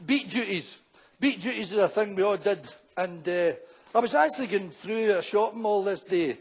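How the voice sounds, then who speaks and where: A Glaswegian man tells stand-up stories live in a fairly high voice. His delivery is brisk and anecdotal, and he keeps acting out the people in his tales. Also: a little hiss or hum. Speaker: stand-up comedian.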